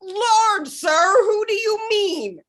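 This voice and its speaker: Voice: extremely high pitch, animated, slow, fairly bright tone, full character voice. A performer reading a flustered, eager young male tavern servant in a Shakespeare play. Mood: confused.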